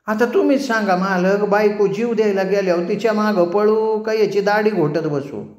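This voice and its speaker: A man's voice: moderate pace, a little mellow, close to an everyday voice. A man voicing a whining, pleading village barber, in a storybook tale. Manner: high, whining, complaining. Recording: echoey room.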